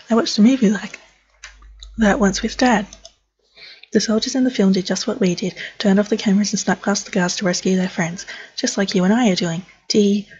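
A woman's voice: mid-range voice, a little mellow, dull audio, close to an everyday voice. A woman reading aloud the lines of an eager young girl who loves her horse, in a plain, lightly acted voice. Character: excitable young girl, loyal horse lover.

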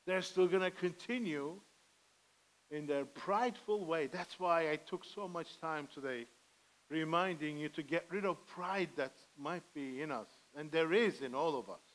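This middle-aged pastor, of Armenian heritage, speaks in a fairly high, slightly bright voice at a somewhat slow pace. He preaches earnestly and pleadingly on a headset mic inside a medium-sized church sanctuary, in a low-quality recording.

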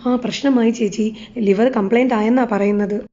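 Woman reading earnest worried young wife, mellow fairly high voice, dull audio. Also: steady tone, normal speed, lightly acted. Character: worried young woman, kind daughter-in-law. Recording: slightly dull lo-fi recording.

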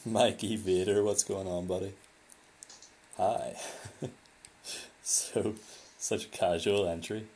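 A man's voice: lowish voice, steady tone, slow, pauses often, darkish tone, slight background noise. A man streaming a game live, chatting casually with friends and swearing at his bad shots.

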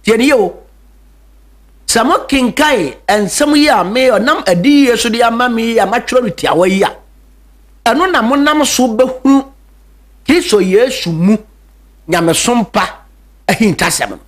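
Emphatic high-voiced Ghanaian preacher man. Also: animated, normal speed, pauses often. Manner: emphatic, repeats and stretches key words, hesitant fillers. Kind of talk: radio sermon mixing Twi and English.

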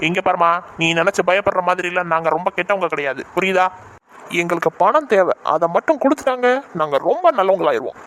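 A performer voicing a bumbling, soft-hearted male kidnapper in a cartoon, rambling and long-winded. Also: medium pitch, animated, fast talker, natural voice. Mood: reassuring. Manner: rambling, explains at length. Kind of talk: cartoon voice acting.

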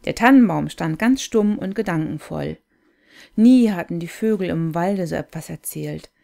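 Woman, storybook reader, gentle and unhurried, calm contemplative read-aloud. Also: fairly low pitch, gravelly. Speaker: reader of a fairy tale.

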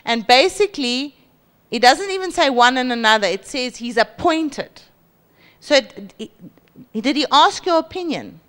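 A woman in her forties with a South African accent, preaching a sermon on a church stage into a handheld mic and mimicking boastful people. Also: measured pace. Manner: lively, acts out boastful voices with high pitch jumps. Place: large church hall stage.

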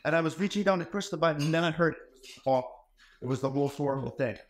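Man giving an emphatic keynote, high voice. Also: rapid-fire. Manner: storytelling, emphatic and conversational. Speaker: keynote speaker. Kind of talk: motivational keynote speech. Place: ornate wood-paneled hall, indoors. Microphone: handheld microphone.

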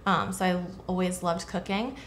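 A woman's voice: fairly low pitch, brisk, a bit bright, slight background noise. A young woman from southern Florida, co-hosting a casual chat and talking in a chatty, rambling way with lots of fillers. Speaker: co-host.

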